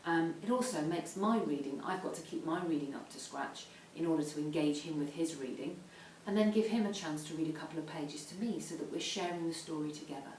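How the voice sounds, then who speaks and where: Woman, explanatory talk, instructive, emphatic, echoey room, faint background rumble. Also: fairly quick, darkish tone. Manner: instructive, emphatic on key points. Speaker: reading educator advising parents. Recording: roomy echo, distant mic, faint rumbling noise.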